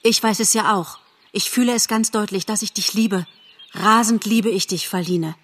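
A woman's voice: mid-range voice, normal speed, natural voice. A woman voicing a young male deer in love, pleading with breathless urgency in a storybook reading.

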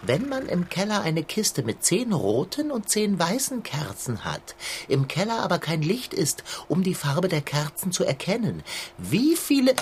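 Eine Frau als hochnäsiger, verfressener Kater. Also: female voice, on the low side, very animated, measured pace, darkish tone, slight background noise. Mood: haughty. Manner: pompous, stilted formal phrasing. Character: haughty greedy male house cat, demanding. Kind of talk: comic audio play.

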